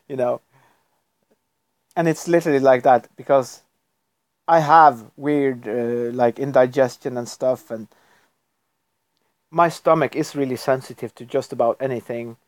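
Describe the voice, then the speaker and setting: A man from Norway rambles through a casual livestream chat at his computer, chuckling often; his first language is Norwegian. His medium-pitched, slightly mellow voice moves at a measured pace with long pauses, in a dry recording.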